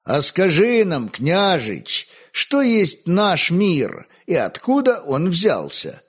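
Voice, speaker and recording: A man reading aloud, voicing a gentle, encouraging old sorcerer. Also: sits high, huge pitch swings, slow pace, husky, heavily acted. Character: kindly smiling old male sorcerer.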